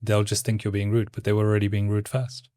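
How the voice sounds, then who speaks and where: A man speaking as a guest in a casual interview, with a stoic, calm, monotone delivery. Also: on the low side, smooth, dry recording, clean studio sound. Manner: stoic, measured. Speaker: guest, content creator.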